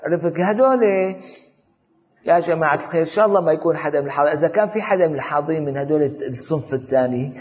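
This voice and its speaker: A man's voice: fairly high pitch, rapid-fire. A man giving an informal religious lesson, talking conversationally and often checking that listeners follow. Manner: conversational, often asks "you see?". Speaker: religious teacher. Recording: dull audio with long hall reverb.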